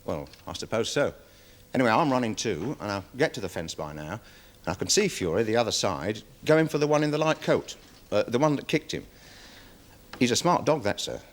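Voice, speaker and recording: An actor playing a nervous, deferential security guard testifying in a 1970s television courtroom drama, rambling with many fillers. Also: male voice, on the low side, big pitch swings, brisk. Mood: worried, defensive. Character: nervous security guard witness, dog handler. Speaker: witness in court.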